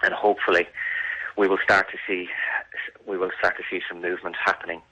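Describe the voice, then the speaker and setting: A man's voice: low voice, level tone, fairly quick, bright, forceful tone, highs cut off. A man giving serious, earnest answers as an interview guest, emphatic and often repeating words. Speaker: radio interview guest, victim's family campaigner.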